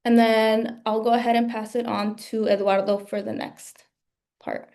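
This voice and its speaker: A woman presenting in a measured explanatory way on a video call, with occasional "um" fillers. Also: a little high, little pitch movement, a little mellow. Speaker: presenter at an online information session. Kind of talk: explanatory webinar talk.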